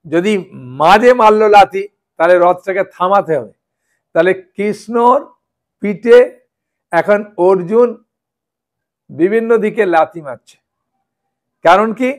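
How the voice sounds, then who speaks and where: A man's voice: high voice, measured pace, pauses often. A man teaching a scripture class, explaining with stories and checking in with his listeners often. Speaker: Gita teacher.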